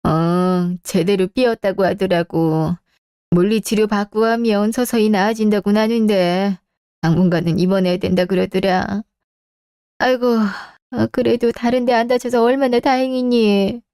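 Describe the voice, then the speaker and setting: A woman's voice: medium pitch, steady tone, a little slow, dark tone, clear, resonant tone, no room sound, clean studio sound, lightly acted. A woman voicing a hurt, aging mother and grandmother in a Korean radio drama, sighing and plaintive.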